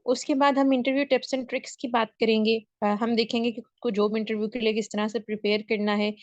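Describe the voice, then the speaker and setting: A woman's voice: a little high, no room sound. A woman with a Pakistani accent giving an online spoken English lecture, often checking in with her students as she explains. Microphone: video call.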